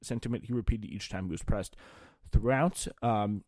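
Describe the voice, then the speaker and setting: A man reading news aloud and adding off-the-cuff political commentary in an informal, halting way. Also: lowish voice, a little mellow, no room sound, studio quality.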